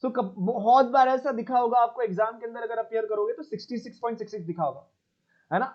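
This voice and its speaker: A man's voice: very high-pitched, fast, dull audio. A man teaching math in an online class, switching between Hindi and English and often checking in with his students.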